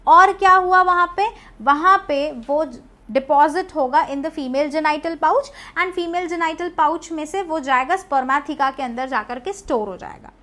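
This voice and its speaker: Slow-paced high-voiced Indian woman teaching. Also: sharp tone. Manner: explains step by step, repeats key terms slowly and checks understanding. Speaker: biology teacher. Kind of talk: exam-prep lecture, mixing Hindi and English.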